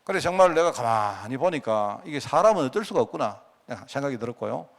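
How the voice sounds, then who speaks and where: A man's voice: medium pitch, very animated, fast talker, creaky. A middle-aged man, preaching and telling personal stories with asides to the congregation. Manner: anecdotal, conversational, with frequent asides to the congregation. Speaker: pastor. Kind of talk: sermon storytelling.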